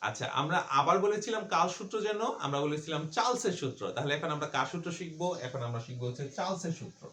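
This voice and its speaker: Male physics teacher, high voice, quizzes and answers himself, echoey classroom recording. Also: very fast, hardly any pauses, fairly bright tone. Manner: asks questions and answers them himself, repeats key points. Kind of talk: classroom lecture. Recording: echoey room.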